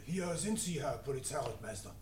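An actor playing a dim, obedient low-ranking policeman in a classic German radio drama. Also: animated, fairly quick, lightly acted. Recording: roomy, noisy, clicks, off-mic.

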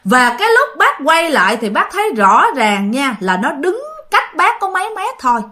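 Southern Vietnamese woman, ghost-story narrator, highish voice with a swinging melody, chatty and direct. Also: big pitch swings, moderate pace, pushed and bright. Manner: chatty, addresses listeners directly, many fillers. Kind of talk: casual spoken storytelling.

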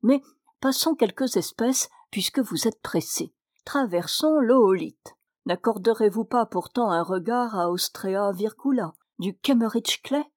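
A woman's voice: medium pitch, expressive, unhurried, a little mellow, no room sound, clean studio sound. A woman voicing a tiny, pedantic old hunchbacked gnome who collects fossils, fussing over Latin names.

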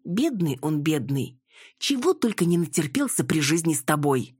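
Sharp-tongued older mother, read by a woman. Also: deep voice, very animated, normal speed, husky, no room sound, clean studio sound, exaggerated voice. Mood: tart.

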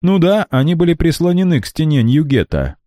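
A gruff, grumbling manservant , voiced by a male narrator, barks and mutters in a raised voice. The sound is close and dry in this audiobook. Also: on the high side, sing-song, brisk, no room sound, pitched above the performer's own voice. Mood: insistent. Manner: grumbling, shouting.

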